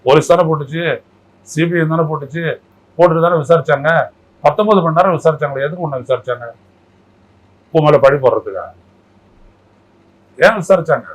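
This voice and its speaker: A man's voice: a little high, a little fast, long pauses, low-quality recording. Combative man firing rhetorical questions. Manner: mocking, scolding tone. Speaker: political commentator. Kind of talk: heated interview talk.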